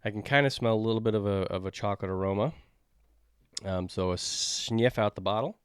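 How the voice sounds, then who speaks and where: A man's voice: on the low side, fairly quick, smooth, dry recording, studio quality. A man hosting a beer review podcast, talking in a loose, rambling, jokey way.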